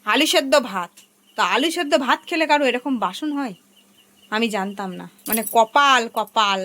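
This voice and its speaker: A woman chatting to her viewers in a rambling home vlog, her voice hoarse from a cold. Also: on the high side, fairly bright tone. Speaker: home vlogger.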